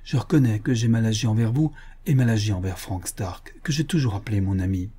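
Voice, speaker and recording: A man voicing a sinister male hypnotist villain who gives low, slow, imperious commands. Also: mellow, husky. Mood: pleading.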